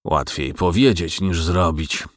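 A man voicing a grumpy middle-aged male farmer who speaks in gruff threats. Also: fairly low pitch, sing-song, moderate pace, no room sound, clean studio sound. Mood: uneasy.

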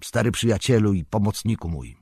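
A man reading an audiobook who voices a proud, scornful old male wizard lord, speaking slowly and grandly, as if declaiming. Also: fairly low pitch, expressive, gravelly, darkish tone, husky, no room sound, clean studio sound, heavily acted. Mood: coaxing.

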